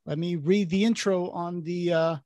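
A man in his thirties from Portugal hosting a podcast over a headset, halting with many fillers. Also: sits high, steady tone, a little mellow, dry recording, lo-fi sound. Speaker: podcast host. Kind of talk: casual video-call chat. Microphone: headset over video call.

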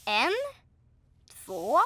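A woman's voice: a bit bright, a little hiss or hum, natural voice. A voice actor playing a cheerful four-year-old tiger cub boy in a dubbed cartoon, eager and sing-song, over music. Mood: counting. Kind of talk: Swedish cartoon dubbing.

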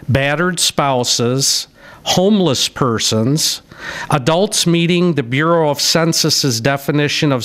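A man's voice: on the high side, a bit bright. A middle-aged man, a city staff member, reading budget figures from his notes at a public hearing, with some "uh" fillers and restarts. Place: city council chamber, indoors. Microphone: podium microphone.

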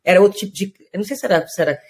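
Quick, husky-voiced Brazilian woman. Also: mid-range voice. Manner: animated storyteller, quotes customers. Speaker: food truck co-owner. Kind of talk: casual interview chat.

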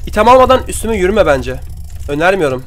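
A man's voice: sits high, sing-song, quick pace. A young man giving casual commentary over his own gameplay, chatty and trash-talking opponents, with keyboard and mouse clicks at his desk mic. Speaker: gaming YouTuber. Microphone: desk microphone, keyboard and mouse clicks.

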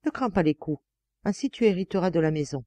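A woman reading a brave young fencing master, stubborn and determined, from a fairy tale. Her voice stays near her own, mellow and dry. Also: on the low side, lively intonation, fast, dry recording.

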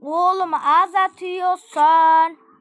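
Excitable high, bright-voiced woman gamer. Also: drawn-out words, highs cut off, soft background music. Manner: excitable, laughing, shouting exclamations. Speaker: gaming video creator. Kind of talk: live gameplay commentary.

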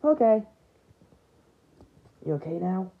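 A woman playing with toys and voicing a battle, shouting attack calls and then dropping to quiet murmurs. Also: lowish voice, sing-song, takes it slowly, creaky, phone-quality sound, slight background noise. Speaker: toy show performer. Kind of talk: acting out a toy battle.

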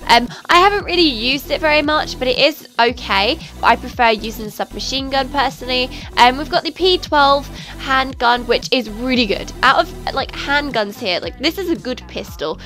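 A woman's voice: sits high, animated, moderate pace, bright, forceful tone. A woman hosting a casual, chatty video game tutorial, her nose stuffed up with a cold. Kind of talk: casual gaming tutorial commentary. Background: music.

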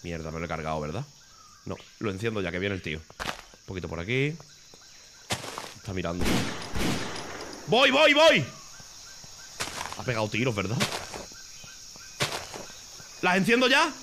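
A man from Spain with a Spanish accent, streaming a game in casual commentary, excitable and swearing, breaking into shouts. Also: low voice, a little fast, long pauses, background noise.

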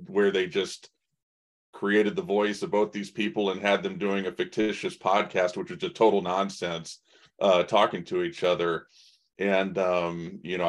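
A man in his forties hosting an online conference interview, chatty, with lots of fillers and restarts. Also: deep voice. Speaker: host. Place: indoors in front of a branded backdrop. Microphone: webcam video call.

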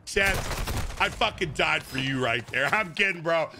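A man livestreaming game commentary in a brash, animated frat-bro manner, swearing constantly and exclaiming. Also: fairly high pitch, a little slow, noisy background. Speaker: video game livestream host. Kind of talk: livestream gaming chat and commentary.

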